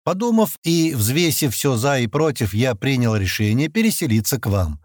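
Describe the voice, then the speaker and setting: Brief: man voicing a clever young guy, polite, measured, businesslike, slightly raised pitch, dry recording. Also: sing-song, no echo. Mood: calm. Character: sharp, polite young man asking questions.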